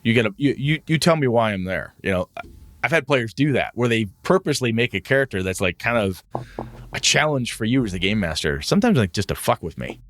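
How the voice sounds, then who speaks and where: A man's voice: brisk, dry recording. A man co-hosting a casual gaming chat. He swears freely and jumps his voice up for mock-outraged asides. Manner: animated, swings pitch up for mock-indignant asides; casual swearing, many restarts. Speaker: podcast co-host.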